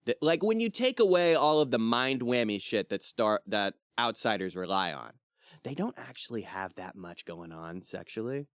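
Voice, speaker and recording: A man's voice: on the low side, moderate pace, dry recording, clean studio sound. A man co-hosting a casual book club podcast, acting out quotes from the book as he talks. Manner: animated, acts out quotes from the book. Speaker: podcast co-host.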